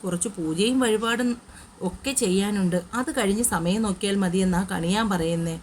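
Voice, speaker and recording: Bossy, fond middle-aged mother, brisk and scolding; woman narrator doing the voice. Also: medium pitch, darkish tone, slight background noise, close to an everyday voice.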